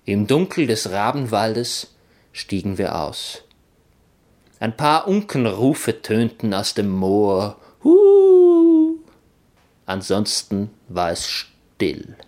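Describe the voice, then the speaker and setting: Male narrator, children's story, first person, playful, expressive, slow, lively pitch. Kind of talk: reading a children's story aloud.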